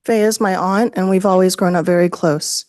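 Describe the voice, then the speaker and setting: A woman's voice: on the low side, steady tone, moderate pace, a little mellow, dry recording. Woman witness answering plainly, dry mic. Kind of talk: courtroom testimony.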